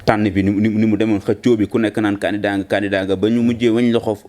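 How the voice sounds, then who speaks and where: A man, arguing political points quickly in a discussion, mixing in French. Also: fairly low pitch, level tone, warm tone. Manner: fast, argumentative, mixes French into Wolof. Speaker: political commentator.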